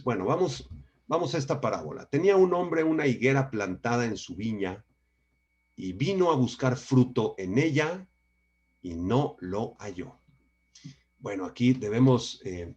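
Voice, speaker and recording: A man's voice: mid-range voice, a little mellow. A man, a pastor teaching a Bible study, repeating key words for emphasis and addressing his listeners directly.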